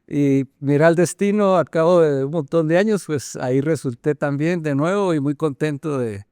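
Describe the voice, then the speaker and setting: An older man from Colombia with a Colombian accent, a company general manager answering interview questions thoughtfully, often pausing and repeating words. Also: a little high, a little mellow, clear, resonant tone, dry recording, studio quality. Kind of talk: conversational interview.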